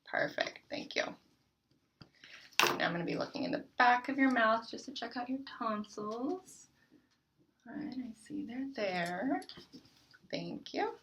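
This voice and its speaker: A young woman, a student clinician, giving calm, patient step-by-step instructions in a practice oral exam. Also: on the high side, a little slow, long pauses, background noise.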